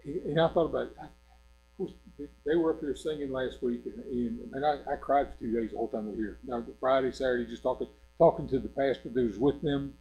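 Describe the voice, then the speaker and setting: Older preacher, mellow rambling voice. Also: male voice, mid-range voice, steady tone, a little fast, vocal fry, slight background noise, poor audio. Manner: rambling, conversational, keeps checking in with "Okay?". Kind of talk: informal sermon. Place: church.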